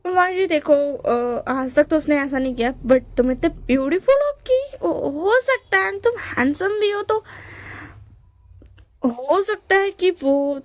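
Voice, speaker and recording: A woman voicing a patient older brother who gently pleads and coaxes. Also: sits high, lively intonation, unhurried, no echo. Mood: coaxing.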